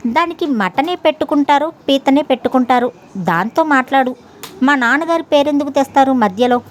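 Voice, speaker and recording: A woman voicing an angry young woman quarreling with her neighbor in sharp, scolding words. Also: high-pitched, lively intonation, brisk.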